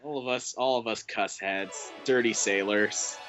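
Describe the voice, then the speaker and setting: A man giving casual gameplay commentary as a co-host, excitable and joking. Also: unhurried, faint music behind. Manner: excitable and joking, with wild swings in pitch. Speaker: let's play co-host.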